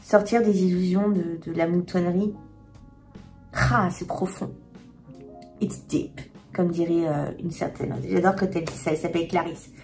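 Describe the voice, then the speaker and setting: A woman's voice: fairly low pitch, steady tone, warm tone, faint music behind. Frank, hesitant woman vlogging. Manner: hesitant, many filler pauses, frank and confiding. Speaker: tarot reader and illustrator. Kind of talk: candid casual vlog chat.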